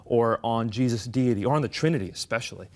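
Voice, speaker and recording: Earnest and well-spoken, a young adult man from the U.S. recounts his life story during a conversational interview. His voice sits in the middle range and he speaks at a quick pace.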